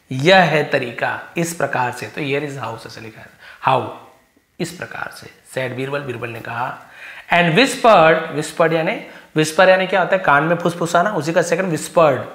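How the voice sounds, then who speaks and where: A man teaching English grammar, reading a story's English lines slowly and explaining each word in Hindi. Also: a little high, creaky, a bit bright, echoey room.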